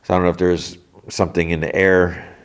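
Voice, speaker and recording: A podcast host with a deep, smooth voice and a level tone talks a little fast. He sounds stuffed up and rambles through casual chat about comics, restarting often and letting thoughts trail off.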